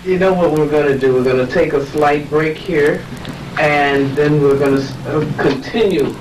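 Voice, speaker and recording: A man moderating a lecture, talking casually and a bit haltingly. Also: on the high side, background noise. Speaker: event host. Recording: roomy, distant mic with music.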